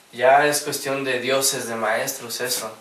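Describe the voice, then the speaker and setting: A man's voice: mid-range voice, steady tone, takes it slowly, a bit bright, distant mic, slight background noise. A man giving a spiritual lecture, telling anecdotes, acting out the quoted lines and laughing at his own stories. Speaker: gnostic instructor. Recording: roomy sound, voice from off mic.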